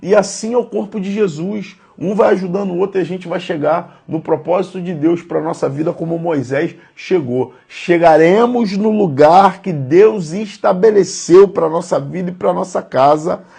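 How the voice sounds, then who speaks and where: A man's voice: sits high, normal speed, creaky, few pauses, mellow, breathy edge. A man in his thirties giving a conversational, earnest devotional sermon, speaking directly to his listeners. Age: 30s. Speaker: preacher.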